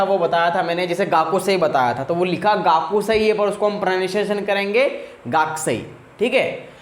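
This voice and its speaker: A man teaching a classroom language lecture, explaining slowly and repeating each word. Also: high voice, echoey room.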